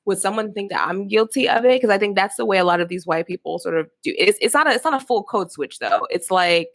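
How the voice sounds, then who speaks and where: A woman's voice: medium pitch, animated, quick pace, gravelly, fairly bright tone, no room sound. A woman from Philadelphia co-hosting a podcast, talking in a frank, rambling way full of "like" fillers. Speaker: podcast co-host. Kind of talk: casual discussion.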